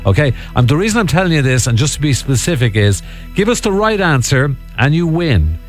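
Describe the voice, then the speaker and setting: A man's voice: a little high, very animated, a little fast, soft background music. An Irish man hosting a radio phone-in quiz, chatting casually and bantering with the contestants.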